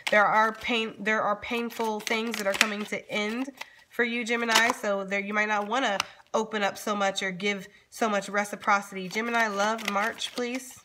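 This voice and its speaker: A woman's voice: mid-range voice, little pitch movement, normal speed. A woman giving a casual, chatty tarot reading as channel host, speaking informally and straight to her viewers. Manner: informal, addresses viewers directly, frequently checks in with "okay?". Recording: background noise with card shuffling and clicks.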